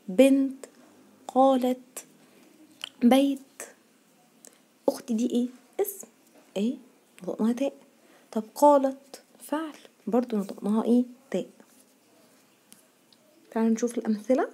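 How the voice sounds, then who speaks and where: A woman teacher with an Egyptian Arabic accent explains a grammar lesson to young children. Her voice is slightly high, but very dark and soft in tone, with a husky, breathy edge. She repeats the questions patiently and answers in the pupils' voice. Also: brisk, pauses often. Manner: patient, quizzes the class, then answers in the pupils' voice. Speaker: primary school teacher.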